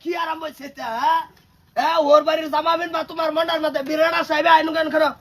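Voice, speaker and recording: Man, loud rapid scolding banter; very high and bright, a bit off mic. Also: flat delivery, distant mic. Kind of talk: rural comedy sketch.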